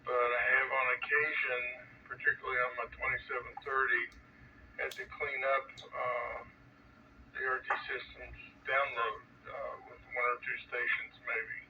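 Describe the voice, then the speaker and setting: Even-toned man on dull radio link. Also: medium pitch, normal speed. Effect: two-way radio transmission with static. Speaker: amateur radio net participant. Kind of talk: amateur radio check-in talk. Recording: dull, distant radio signal, faint static.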